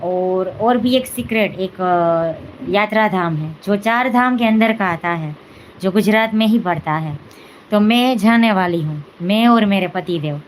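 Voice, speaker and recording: A woman's voice: mid-range voice, unhurried, slight background noise, low-quality recording. Chatty woman hosting a devotional live stream. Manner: chatty, many fillers and "है ना" asides. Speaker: devotional channel host. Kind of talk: casual live-stream talk.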